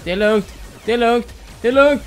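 A gamer giving excited, boastful, trash-talking commentary while playing, over a headset mic with game music behind. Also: mid-range voice. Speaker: let's play gamer.

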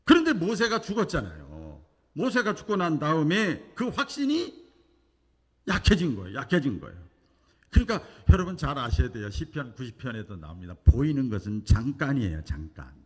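A male pastor preaching a Sunday sermon with animated delivery, acting out quoted voices and swinging from quiet asides to loud declarations. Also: mid-range voice, fairly quick, breathy edge. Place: church sanctuary. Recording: long church hall reverb.

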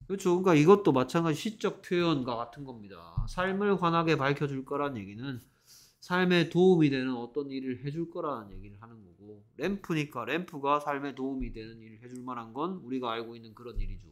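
A man teaching an exam-prep English class to Korean students. He reads English sentences slowly, explains them, and keeps asking the class whether they follow. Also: mid-range voice, animated. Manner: repeats checking questions, reads English slowly then explains.

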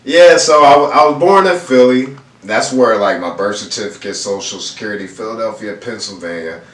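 Sitting on a leather couch in an indoor room, this Houston-raised man in his thirties talks in a fairly low voice at a moderate pace. He's a guest painter in a casual interview, loose and slangy with plenty of fillers. The distant mic catches a roomy echo, his voice a bit off axis, and faint room noise.

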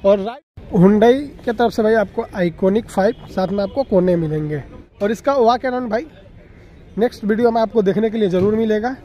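A man's voice: high-pitched, normal speed, warm tone. A young man from Bihar, India, vlogging a walkaround of vehicles at an outdoor expo and chatting to viewers as brother, recorded on a handheld phone. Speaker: auto vlogger. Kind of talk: walkaround vehicle review vlog. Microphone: phone camera at arm's length.

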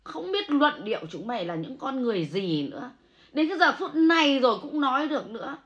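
A woman ranting angrily and scolding, swinging between low muttering and loud outbursts. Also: very animated, brisk. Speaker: angry supporter ranting online. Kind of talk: angry livestream rant. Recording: muffled lo-fi audio.

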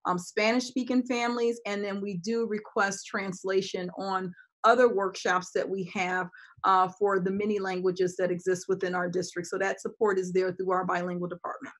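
A woman, a school district administrator answering questions in a virtual town hall over a video call, measured, with frequent ums. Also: mid-range voice, level tone. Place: home office with bookshelves.

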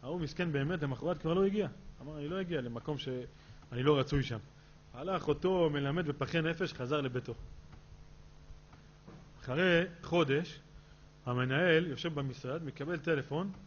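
A man, a rabbi, telling a story in a sermon and acting out his characters' dialogue in a lively way. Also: fairly high pitch, pauses often. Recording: dull lo-fi recording with faint hum.

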